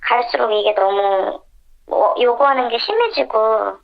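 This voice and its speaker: Anonymous woman, pitch-shifted disguise, gravelly high voice, halting, muffled phone line. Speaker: anonymous nurse interviewee. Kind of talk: phone interview.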